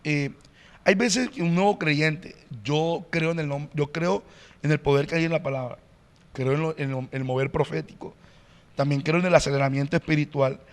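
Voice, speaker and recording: A male pastor explaining in an earnest, teacherly way as a podcast guest, often pausing on "eh". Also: a little high, fairly even intonation, big-room sound. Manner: earnest, teacherly, frequent "eh" fillers. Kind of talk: podcast interview, preaching-like explanation.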